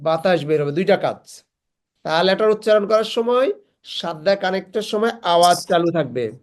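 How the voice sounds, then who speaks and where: A woman's voice: fairly low pitch, lively intonation, normal speed. A woman teaching Quran recitation in an online class, patiently repeating syllables aloud for students to copy. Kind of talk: slow online class instruction.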